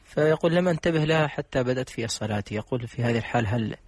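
A man's voice: mid-range voice, animated, very fast, breathy edge, no room sound. A man hosting a religious radio program, courteously reading out listeners' questions. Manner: formal, courteous announcer.

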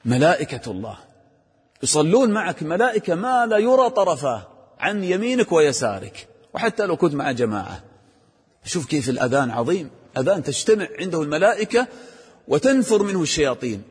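A man, teaching a group of boys the call to prayer and chanting the phrases slowly to show them how. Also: fairly high pitch, husky, in a large hall. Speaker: religious teacher.

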